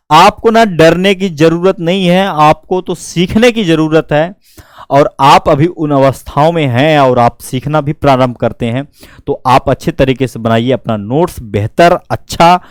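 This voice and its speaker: A man's voice: on the high side, no room sound. Man teaching a Hindi grammar exam class. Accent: Hindi-speaking north Indian. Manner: explains with many rhetorical questions and student asides. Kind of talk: exam-prep lesson.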